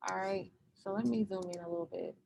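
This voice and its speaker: A woman's voice: mid-range voice, fairly even intonation, brisk, gravelly, dark tone, a little hiss or hum. A woman teacher leading an online class, patiently explaining step by step over a computer microphone.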